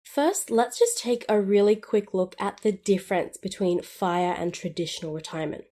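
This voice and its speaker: With a warm, mid-range voice at normal speed, a twentysomething woman presents a scripted personal finance podcast alone, keeping her explanations cheerful and friendly.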